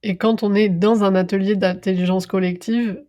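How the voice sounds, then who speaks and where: A woman interviewer of medium pitch puts short, calm questions to her guest. Her delivery is measured and plain. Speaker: podcast interviewer.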